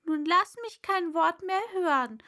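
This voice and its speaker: A woman's voice: very high voice, a little slow, sharp tone, pitched above the performer's own voice, full character voice. A woman reading a storybook and reciting a comic rhyme in the voice of a spry, boastful old man.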